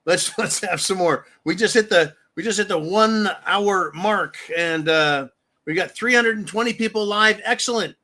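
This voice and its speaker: A man's voice: high-pitched, moderate pace, pushed and bright. A man hosting a live stream, talking bluntly with heavy profanity and acting out the people he talks about. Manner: blunt, profane ranting, acts out quoted voices. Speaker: livestream host. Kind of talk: casual live-stream commentary.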